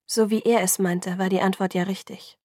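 A woman reading a first-person novel aloud in a steady, even storytelling manner. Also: medium pitch, moderate pace, no room sound, clean studio sound. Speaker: audiobook reader.

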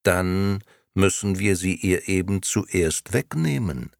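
A man reading aloud, voicing a cold, scheming gentleman who persuades slowly and smoothly. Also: low voice, animated, no room sound, clean studio sound, pitched above the performer's own voice, exaggerated voice. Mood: persuasive. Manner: slow, smooth, icy persuasion. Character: cold scheming grey gentleman, adult male.

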